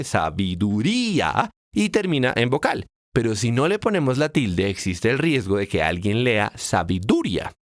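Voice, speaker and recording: A man narrates an explanatory lesson in a playful storytelling way. His pitch rises and falls with a lot of life. The recording is dry and close, with no room sound. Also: no room sound. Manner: lively, playful storytelling with acted dialogue. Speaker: educator explaining Spanish accent marks.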